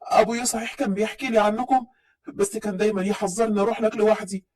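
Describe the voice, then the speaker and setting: A woman voicing a bold, proud young woman from Upper Egypt who speaks with sharp, defiant retorts, in an Upper Egyptian accent. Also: mid-range voice, fairly even intonation, racing, lightly acted, poor audio. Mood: soft.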